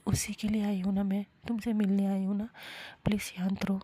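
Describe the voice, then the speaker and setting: Pleading young woman in whispered role-play, woman doing her, breathy and soft. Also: mid-range voice, level tone, fairly quick, lightly acted.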